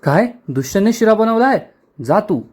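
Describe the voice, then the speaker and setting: A man's voice: high voice, animated, normal speed, darkish tone, pitched above the performer's own voice. A man voicing a bossy, angry older mother-in-law who scolds and threatens. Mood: shocked, demanding.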